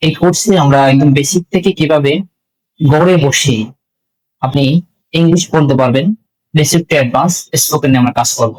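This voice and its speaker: A man with a Bangladeshi accent teaching a spoken English lesson, slowly repeating letters and sounds for learners. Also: a little high, rough recording.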